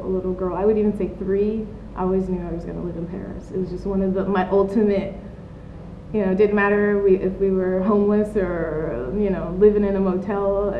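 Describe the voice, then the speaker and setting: An American artist in her thirties is interviewed on the outdoor patio of an art studio, speaking casually and reflectively with many fillers and restarts. The outdoor recording is roomy and dull, with rumble.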